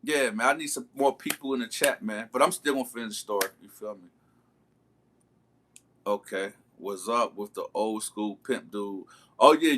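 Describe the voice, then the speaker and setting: A man with a mid-range, slightly bright voice is livestreaming, telling a long story in casual slang. He calls out to his viewers as he goes, storytelling casually to his live chat.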